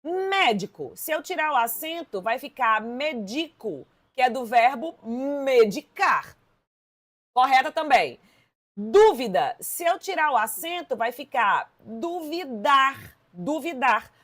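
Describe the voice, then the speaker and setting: A woman's voice: high voice, moderate pace, few pauses. Emphatic Brazilian woman teaching a lesson. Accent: Brazilian Portuguese. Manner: lively, emphatic, addresses students directly. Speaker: Portuguese teacher. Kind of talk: exam-prep lesson.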